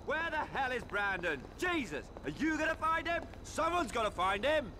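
A man's voice: very high voice, very animated, normal speed, sharp tone, exaggerated voice. A man playing a frantic, exasperated film set staffer in a video game, fretting like a production assistant. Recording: noisy outdoor street and vehicle ambience.

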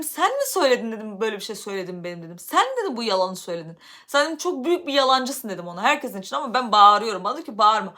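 A high, bright woman's voice from Turkey, talking fast. She tells a story in a casual vlog, and her voice climbs and gets loud as she warms up. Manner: animated, voice rises loudly when upset. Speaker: vlogger.

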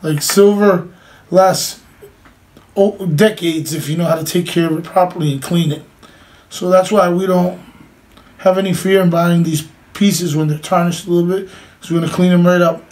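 Speaking casually to camera indoors, a middle-aged man gives a hands-on demonstration in plain, informal terms. His voice sits high with a darkish tone, steady delivery and normal speed. The small room has a cloth backdrop, and the home recording is clearly noisy.

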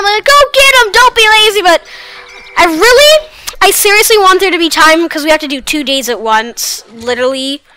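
A woman's voice: sits high, sharp tone, poor audio. A woman hosting a casual let's-play, chatting in a rambling, self-deprecating way as she plays. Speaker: gaming channel host.

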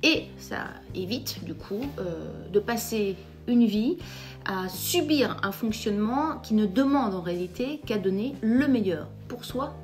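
A middle-aged French woman, a psychotherapist and YouTube host, presents an emphatic explainer straight to camera, addressing viewers directly. Her mid-range voice is animated but unhurried, with soft music in the background.

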